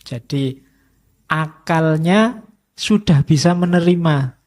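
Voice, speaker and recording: A man's voice: fairly high pitch, slow pace, darkish tone. A middle-aged man giving a conversational, playful philosophy lecture in a mosque. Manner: conversational, playful, acts out quoted voices.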